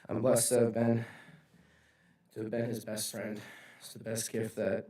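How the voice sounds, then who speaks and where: Halting young man in an echoey hall. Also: lowish voice, monotone, dark tone. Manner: halting, emotional, sighing between phrases. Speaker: eulogy speaker, best friend. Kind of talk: memorial speech. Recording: echoey hall, mic far off.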